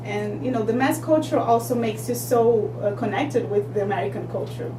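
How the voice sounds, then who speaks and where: A young woman, answering interview questions as a filmmaker in a thoughtful, halting way with many restarts. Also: fairly high pitch. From Brazil. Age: young adult. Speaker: filmmaker guest. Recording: echoey room, distant mic, noise hum.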